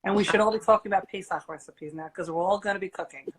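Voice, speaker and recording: A woman's voice: mid-range voice, quick pace. A woman host adding casual, joking interjections. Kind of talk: casual chat. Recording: clear crowd noise behind.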